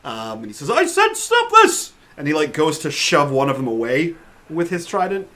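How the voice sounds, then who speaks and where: A man's voice: on the high side, lively intonation, fairly quick, fairly bright tone. A man playing in a tabletop game, joking and teasing the other players.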